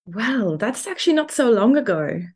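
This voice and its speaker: A woman's voice: fairly high pitch, sing-song, moderate pace, darkish tone, husky. A woman in her forties from Switzerland with a Swiss German accent, a cheerful podcast guest who laughs easily. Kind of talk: podcast interview.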